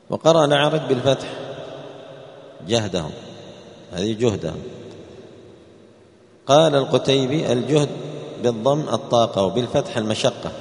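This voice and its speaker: A man's voice: creaky, darkish tone. A man teaching Quran exegesis, posing rhetorical questions and answering them, and raising his voice sharply for quoted speech. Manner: raises pitch and volume sharply for quoted speech. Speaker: Islamic teacher. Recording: echoey hall with long reverb.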